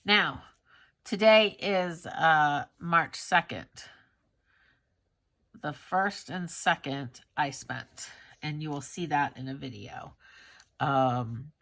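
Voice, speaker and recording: A woman's voice: deep voice, slow pace, a bit bright. A woman vlogging about her monthly budget in a casual, candid way, congested from a cold and often trailing off with fillers. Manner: candid, self-critical, chatty with fillers.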